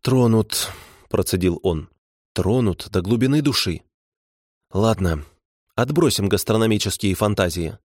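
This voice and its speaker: A man's voice: fairly low pitch, expressive, moderate pace, pauses often, darkish tone, no echo, clean studio sound. A man voicing a prissy, sardonic middle-aged swindler who speaks through clenched teeth. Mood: sneering, sardonic.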